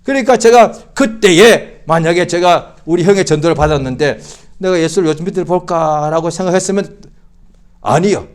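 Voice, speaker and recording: A male pastor giving a Christmas sermon in church, swinging from loud outbursts to hushed, quiet speech. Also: on the high side, normal speed, smooth. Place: church service.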